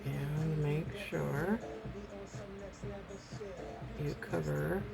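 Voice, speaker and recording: A woman with a low voice and a heavy smoker's rasp, thick with creak. She talks slowly through an amateur tutorial in a casual, rambling, self-effacing way. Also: fairly even intonation, loud music behind the voice. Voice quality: rough, raspy smoker's voice. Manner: rambling, self-deprecating, loses train of thought. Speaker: amateur nail tutorial host. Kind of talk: casual hands-on tutorial chat.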